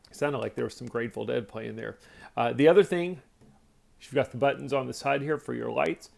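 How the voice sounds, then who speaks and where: Explaining each feature step by step in plain, casual terms, this man demonstrates a product as a reviewer. His mid-pitched voice frequently settles into creak, has a darkish tone, and moves a little fast.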